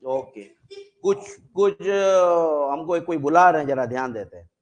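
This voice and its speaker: A man's voice: on the high side, lively intonation, a little slow, muffled recording. A man teaching a classroom grammar lesson, with an Indian English accent, explaining through many examples and often checking whether students understand.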